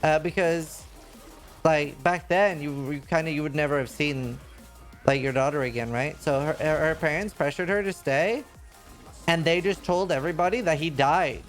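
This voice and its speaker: Chatty man, slightly high. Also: moderate pace, soft background music. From Norway. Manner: rambling, chatty, with many fillers and restarts. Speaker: streamer. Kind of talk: casual chat while streaming a game.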